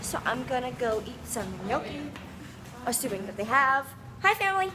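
A woman's voice: a little high, moderate pace, a crowd in the background. A young woman in her late teens chatting casually and bubbly to a handheld camera, giggling often and saying "like" a lot. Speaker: vlogger. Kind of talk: casual vlog chat. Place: outdoors in cold weather and in a car.

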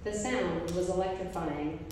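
A middle-aged woman reads a group poem from paper pages at a gallery event, delivering each line slowly and evenly in a mellow, fairly low voice. She is recorded on a handheld mic filmed from a distance in a mid-sized indoor gallery room. The space is echoey with a long reverb tail, and the background is noisy.

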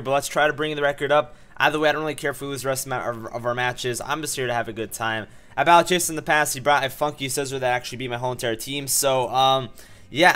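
A man's voice: mid-range voice, a bit bright, clear, resonant tone. A young man with a sore throat and a cough, chatting casually through game commentary and rambling with many fillers. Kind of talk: casual let's-play commentary.

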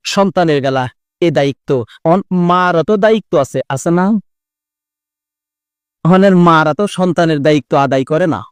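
A man with a preaching a sermon in a lively sing-song, acting out voices in his stories. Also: on the high side, normal speed, long pauses, clear, resonant tone, dry recording. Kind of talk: Bangla waz sermon.

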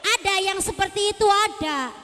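A woman's voice: very high voice, normal speed, background noise. A woman preacher, giving a comic sermon in singsong repetitions. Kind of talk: lively duet sermon. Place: large hall at a religious event. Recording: echoey hall with faint music.

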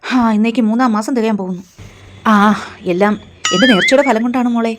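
A woman's voice: fairly high pitch, fast talker, noisy background, lightly acted. An actress playing a stubborn, devout older grandmother who talks in a melodramatic, guilt-tripping way. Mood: pious. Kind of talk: short film acting.

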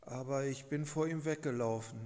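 A man's voice: normal speed, warm tone, big-room sound, lightly acted. A man voicing Jonah, an anxious adult prophet running away, in a raised plaintive voice. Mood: fearful. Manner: higher, plaintive and fearful.

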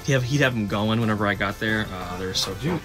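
A man in his thirties hosting a casual vlog, excited and chatty while browsing an indoor flea market. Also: on the low side, fast, music in the background. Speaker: host.

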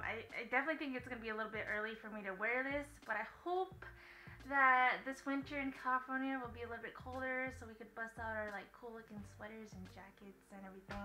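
A woman's voice: a little high, pushed and bright, rough recording. A young woman chatting casually through a clothing haul video, rambling and full of filler words. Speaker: vlogger.

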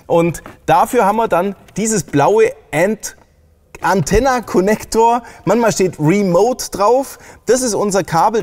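Man, middle-aged, slightly higher voice, warm dark tone, step-by-step tutorial, talks while working. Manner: explains step by step while working, casual and plain. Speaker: car audio installer. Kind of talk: hands-on installation tutorial. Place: indoor car workshop.

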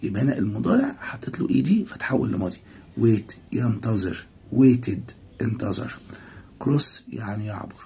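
A man with an Egyptian Arabic accent, teaching a recorded English lesson for children. He says English words slowly and explains them quickly in Arabic. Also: mid-range voice, very animated, mellow, a little hiss or hum.

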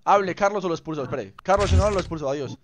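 A man's voice: a little high, expressive, very fast. A young man, chatting casually on a game stream, teasing and greeting viewers by name. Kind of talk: casual live-stream chat.

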